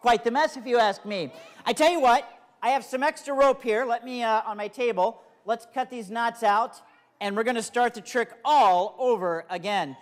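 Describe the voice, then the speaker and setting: A man's voice: extremely high pitch, moderate pace. A man works a live kids' comedy magic show as the magician. He speaks in simple, coaxing phrases to small volunteers, then turns to address the audience like a playful showman. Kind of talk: live stage show patter for kids, talking to volunteers and audience.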